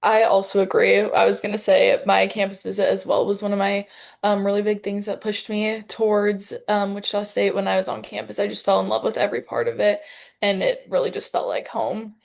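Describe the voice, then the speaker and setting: Brief Young freshman woman from Nebraska, mid-pitched with vocal fry, eager and upbeat. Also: fairly even intonation, a little fast. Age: young adult. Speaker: student ambassador. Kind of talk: casual chat.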